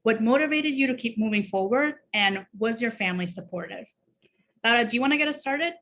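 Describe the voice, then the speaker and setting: Bright, upbeat woman moderating a panel. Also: a little high, lively intonation, fairly quick. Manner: upbeat, chatty, hands the floor on.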